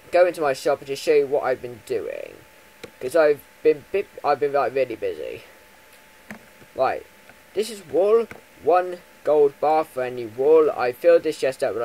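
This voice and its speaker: Male gaming commentator, rambling and casual, lively swinging pitch, faint hiss on a home mic. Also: poor audio. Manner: rambling, chatty, with lots of ums and self-corrections; swings from loud bursts to low mumbles. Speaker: gaming YouTuber. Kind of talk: Minecraft let's play commentary.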